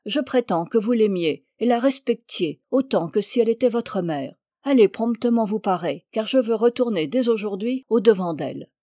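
Greedy bossy king, woman reading it, storybook, warm dry voice. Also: medium pitch, animated, normal speed, few pauses, dry recording, lightly acted. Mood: commanding. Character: greedy widowed king, commanding and brusque.

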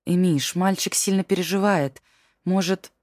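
A woman voicing a gentle, soft-spoken middle-aged mother who talks in a coaxing way. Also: fairly low pitch, moderate pace, no echo, studio quality, close to an everyday voice.

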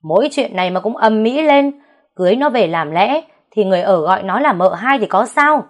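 A woman's voice: on the low side, moderate pace, a little mellow, close to an everyday voice. A woman voicing a stern middle-aged man who heads the household and gives orders. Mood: gruff. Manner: bossy, commanding.

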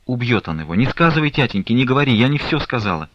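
A man's voice: mid-range voice, big pitch swings, fast, no room sound, voice pushed up. A man reading aloud voices a desperate young woman who cries out in despair, on a dull lo-fi recording. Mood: frantic. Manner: frantic, desperate outbursts.

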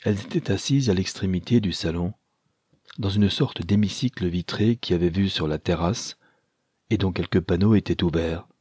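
A man reading a classic novel aloud as a narrator, measured and even. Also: sits low, husky, dry recording, clean studio sound. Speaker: audiobook narrator. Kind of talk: scripted narration.

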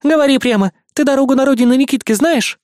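High, chirpy young she-fox voiced by a man; teasing and breathless, storybook tone. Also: quick pace, darkish tone, no room sound, studio quality. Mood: impatient. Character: chatty young female fox cook. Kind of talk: audiobook character voice.

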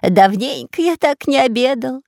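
Casting: whining greedy robber in a kids' audiobook , voiced by a woman, slow high drawl. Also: animated, a little mellow, dry recording, clean studio sound. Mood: whiny.

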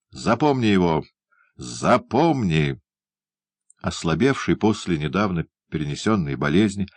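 Low, expressive male audiobook narrator, dry close read. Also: no room sound. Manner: expressive, lively reading.

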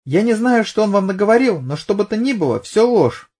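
A man's voice: high voice, very animated, fairly quick, darkish tone, pitched above the performer's own voice. A man voicing an evasive young woman under questioning who flares up in anger, in an audiobook. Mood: flaring up. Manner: evasive, hesitant, bursts out angrily.

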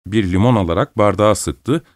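Sex: man. Role: audiobook narrator. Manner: expressive. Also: on the low side, a little fast, no room sound, clean studio sound. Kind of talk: scripted narration.

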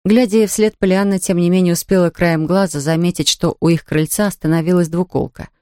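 A woman narrating an audiobook in an even, expressive storytelling manner. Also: lowish voice, brisk, no echo, studio quality. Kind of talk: scripted narration.

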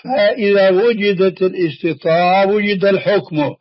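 A man's voice: high-pitched, normal speed, no room sound. A man answering callers' religious questions, firm and pressing them with pointed questions. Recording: muffled dry old recording.

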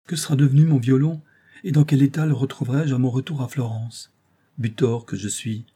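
A man's voice: medium pitch, warm tone, husky, voice pushed up, lightly acted. A man reading aloud a poor orphan boy violinist, lamenting in an emphatic, grieving voice.

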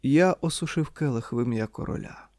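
A man narrating a literary audiobook in a calm, measured reading. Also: mid-range voice, no room sound, clean studio sound.

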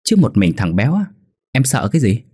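A man's voice: on the low side, normal speed, a little mellow, no room sound, clean studio sound, lightly acted. A man voicing a naive, clingy little boy who pleads and sobs. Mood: indignant. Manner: sobbing, pleading.

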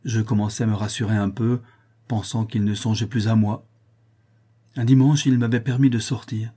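A man's voice: fairly low pitch, little pitch movement, normal speed, mellow, breathy edge. A man voicing a frightened young woman who anxiously confides a painful secret in a storybook reading. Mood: fearful.

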